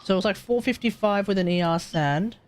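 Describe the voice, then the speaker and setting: A game streamer talks briskly at medium pitch while playing live, chatting casually and rambling both to themself and to viewers, with game music playing underneath.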